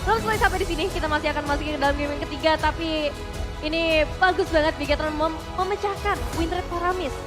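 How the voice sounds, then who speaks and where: A woman with an Indonesian accent giving live commentary as an esports shoutcaster. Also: high-pitched, fast talker. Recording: loud music behind the voice. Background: loud game music.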